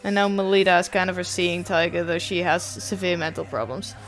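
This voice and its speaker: A woman's voice: on the low side, steady tone, brisk, faint music behind. A young adult woman streamer chatting casually, rambling and self-deprecating, swearing now and then.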